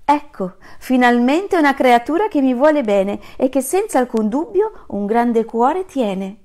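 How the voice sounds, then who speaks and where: Naive frozen swallow from a kids fable, slow grateful tone, woman reading it. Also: high-pitched, sing-song, darkish tone, voice pushed up. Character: frozen, trusting female swallow.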